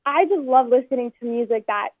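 A woman's voice: on the high side, brisk, no echo. A woman in her twenties, a singer calling in to a radio interview, chatting upbeat and telling stories. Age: 20s. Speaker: singer guest. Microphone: phone. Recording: tinny phone line.

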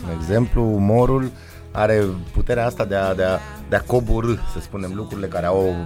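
A man in casual chat, musing in a halting, philosophical way. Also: lowish voice, fairly even intonation, a little mellow, soft background music.

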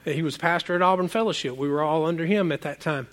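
A man preaching a sermon in a church, talking to the congregation in a loose conversational way with repeated words and quick asides. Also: fairly high pitch, a bit bright. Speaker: pastor.

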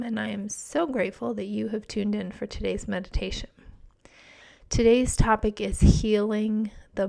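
A woman's voice: medium pitch, creaky, a little mellow. A woman hosting a podcast, introducing it and speaking directly to her listeners. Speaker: podcast host.

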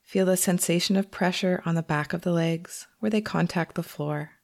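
Her voice is on the low side and gravelly. She is a meditation teacher leading a guided session, speaking gently and slowly, with long pauses.

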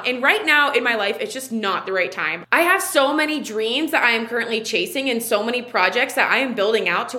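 A woman's voice: a little high, pushed and bright. A woman in her twenties hosting her own podcast, talking in a chatty, candid way with frequent fillers. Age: 20s. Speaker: podcast host and online wellness coach. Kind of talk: casual solo podcast talk.

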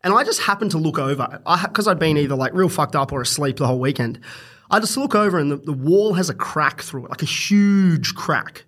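Man, young, slightly high voice, crude and sweary, casual podcast storytelling. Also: fairly quick. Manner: crude, swears a lot, animated when retelling stories. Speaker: podcast guest.

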